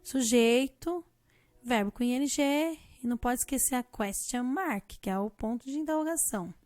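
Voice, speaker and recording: A woman's voice: fairly high pitch, normal speed, a little mellow, no room sound. A woman teacher with a Brazilian Portuguese accent, patiently explaining an English grammar lesson and spelling letters out one by one.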